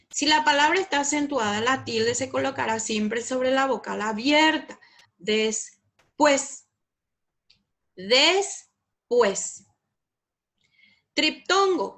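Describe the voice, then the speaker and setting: A woman's voice: sits high, a bit bright. A woman teacher with a Paraguayan Spanish accent giving a recorded class lecture, explaining patiently, repeating examples and checking with her students.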